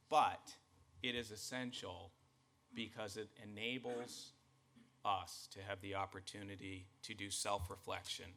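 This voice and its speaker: A man's voice: lowish voice, sharp tone. A man with a Boston accent delivering a formal, earnest address to college staff as its president. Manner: measured, emphatic, earnest.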